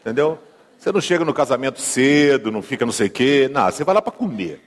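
A male pastor with a Brazilian Portuguese accent preaches a storytelling sermon with humor and a conversational style, often posing questions to the congregation. His mid-range voice is expressive and quick, with long hall reverb.

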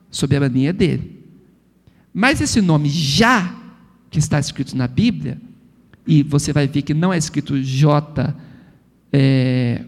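A man's voice: on the high side, creaky, darkish tone. A man preaching a teaching sermon as a pastor, explaining step by step and asking the congregation questions. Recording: long hall reverb.

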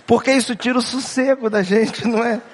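A man's voice: extremely high pitch, fairly even intonation, brisk, background noise. A man with a Brazilian Portuguese accent, a pastor giving a humorous sermon, joking with the congregation and repeating his key points. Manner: playful, acts out family voices and jokes with the crowd; asks the congregation questions and repeats key phrases.

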